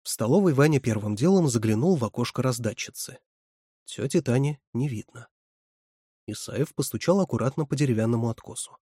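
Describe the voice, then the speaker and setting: A man narrating an audiobook in a husky voice, with expressive, animated delivery. His pitch moves a lot and he sounds dry and close to the mic. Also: brisk, no echo.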